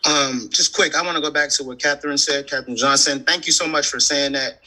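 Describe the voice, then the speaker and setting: A man's voice: on the high side, fairly even intonation, brisk, bright, forceful tone, rough recording. A man co-chairing a public policy council, speaking earnestly and reflecting on his own experience. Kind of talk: public policy meeting discussion.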